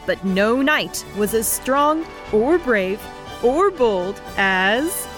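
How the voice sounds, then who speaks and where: A woman's voice: on the high side, animated, extremely slow, soft background music. A woman narrating a scripted fairy-tale adventure in storybook style.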